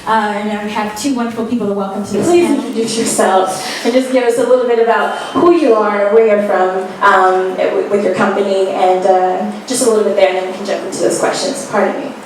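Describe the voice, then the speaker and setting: A woman's voice: medium pitch, fairly even intonation, a little fast, hardly any pauses, noisy background. A woman host giving upbeat opening remarks at a live event and engaging the audience. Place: large echoey event room indoors. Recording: echoey hall from far off.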